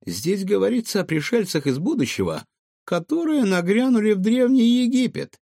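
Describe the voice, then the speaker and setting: A man voicing a small, clever, excitable male raccoon in a squeaky, eager voice for a storybook. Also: moderate pace, vocal fry, no echo, studio quality, exaggerated voice. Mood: curious.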